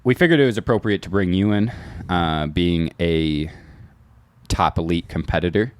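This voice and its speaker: A young man co-hosts a podcast in a very deep voice, recorded dry and close. He talks in a laid-back way, dropping swears and "um"s as he goes. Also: moderate pace, no echo. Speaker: podcast co-host. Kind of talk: casual podcast chat.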